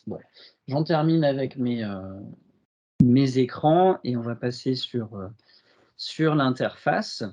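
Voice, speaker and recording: A man with a French accent presenting a software demo in a webinar, hesitant and full of fillers and restarts. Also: mid-range voice, animated, slow pace.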